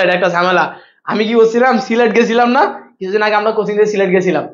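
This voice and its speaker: A young man from Chittagong with a Chittagonian accent, teaching accounting in a loud, playful way and answering chat questions during a live online class. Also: high voice, echoey room, dull audio. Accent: Chittagonian Bengali. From Chittagong, Bangladesh.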